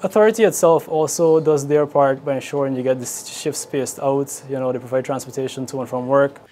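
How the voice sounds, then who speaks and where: Speaking briskly in a steady, mellow, medium-pitched voice, a man with a Guyanese accent gives casual interview answers as an air traffic controller. The location recording is clearly noisy.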